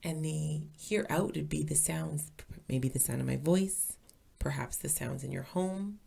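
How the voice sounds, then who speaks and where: A woman with a deep voice leads a guided meditation as a teacher. She sounds soft and breathy, deliberate, calming, and gentle throughout.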